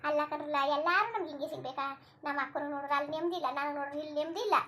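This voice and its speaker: A woman voicing a bald, sharp-tongued old village grandmother in a cartoon, who scolds nonstop in rural Karnataka Kannada. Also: high voice, fairly even intonation. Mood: lamenting. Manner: scolding, rapid-fire, crude rural Kannada. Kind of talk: cartoon voice acting.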